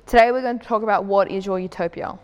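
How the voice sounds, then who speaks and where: A woman's voice: medium pitch, steady tone, quick pace, darkish tone, smooth, long reverb tail. Young woman hosting a youth panel. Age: young adult. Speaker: host.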